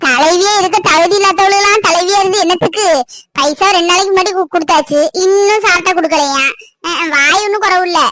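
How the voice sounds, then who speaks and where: A woman's voice: very high-pitched, bright, forceful tone. A woman voicing a fed-up village woman in a cartoon, complaining and scolding. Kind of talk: cartoon voice acting.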